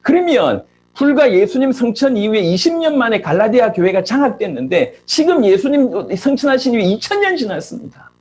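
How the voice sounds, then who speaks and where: A middle-aged man preaching a sermon as a pastor, firing off rhetorical questions and rising sharply in pitch for emphasis. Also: big pitch swings, fairly quick, darkish tone, slight background noise.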